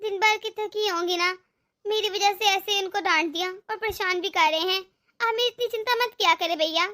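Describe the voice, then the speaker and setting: A woman voicing a meek, self-blaming young widow in an animated family story, speaking softly and sorrowfully. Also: extremely high pitch, moderate pace. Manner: soft, sorrowful, tearful. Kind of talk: animated cartoon voice acting.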